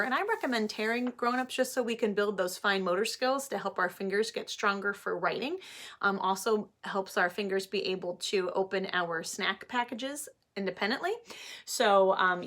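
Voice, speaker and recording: A woman with a medium-pitched, fairly bright voice speaks as an early-childhood teacher during a craft and read-aloud lesson, explaining things simply to children and parents.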